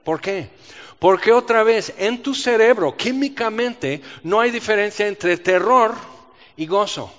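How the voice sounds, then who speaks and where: A man preaching a sermon, animated, asking rhetorical questions and acting out the voices he quotes. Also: high-pitched, measured pace. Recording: dull sound with long reverb in a large hall.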